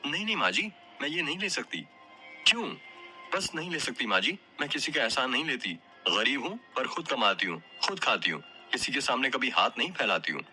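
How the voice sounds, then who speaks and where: A man's voice: mid-range voice, big pitch swings, fairly quick, sharp tone, faint music behind, voice pushed up. A man voicing a poor but proud young village woman in an audio story, speaking sweetly and politely. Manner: sweet, polite, self-respecting.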